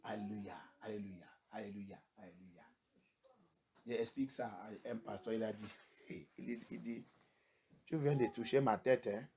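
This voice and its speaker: A male pastor delivers a sermon in a mid-range voice, steady in tone and moderate in pace. He moves back and forth between English and French, firing rhetorical questions at the congregation and rising at times to shouts.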